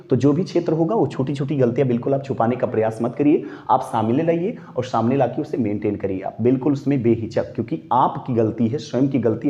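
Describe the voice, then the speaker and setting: A male teacher walks viewers through a grammar lesson, greeting them as friends and asking questions that he answers himself. His voice sits in an ordinary middle pitch with a mellow, dark tone. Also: muffled recording.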